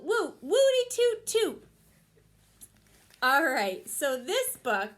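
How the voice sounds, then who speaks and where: Lively high-voiced woman teacher reading aloud. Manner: expressive, lively storytelling. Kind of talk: reading a picture book aloud in a lesson.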